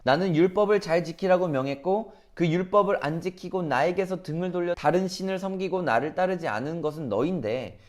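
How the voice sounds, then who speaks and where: A man's voice: on the high side, a little mellow, lightly acted. A man voicing God as an exasperated male figure who bluntly scolds his people with reproachful questions, in a sermon.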